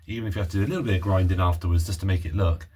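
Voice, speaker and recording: Man, husky voice, mellow tone, casual garage vlog, chatty, thinking aloud. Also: low voice, very fast. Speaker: car restoration vlogger. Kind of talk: casual workshop vlog commentary. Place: home garage, under a car.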